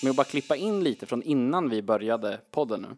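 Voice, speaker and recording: A man's voice: medium pitch, expressive, very noisy. A young man hosting a casual comedy podcast, teasing and joking with a co-host and swearing casually.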